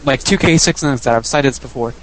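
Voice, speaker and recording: A man co-hosts a casual podcast about a video game, rambling, chuckling and often correcting himself. He speaks fast at a medium pitch, in a low-quality recording with slight background noise.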